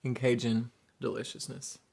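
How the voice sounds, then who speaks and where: A Southern US man in his thirties, a mukbang vlogger, chats with viewers between bites in a living room with a sofa and window blinds, calling them y'all and chewing between remarks. His mid-range voice is creaky and a little mellow, with little pitch movement and a moderate pace. The camera sits in front of him at table distance.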